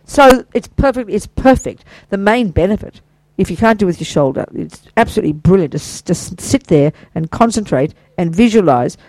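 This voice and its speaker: An older Buddhist teacher giving an informal, chatty dharma talk to a small group, enthusiastic and quick with praise and asides. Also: medium pitch, animated, a little mellow, no room sound, low-quality recording.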